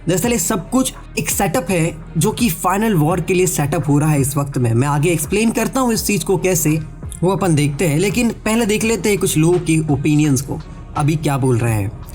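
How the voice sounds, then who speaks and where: A man with a sore throat and a blocked nose records a separate, casual explainer voice-over as an anime theory YouTuber, with soft music in the background. His voice sits on the high side, darkish and brisk with lively intonation. He chats directly to viewers, mixing in English words.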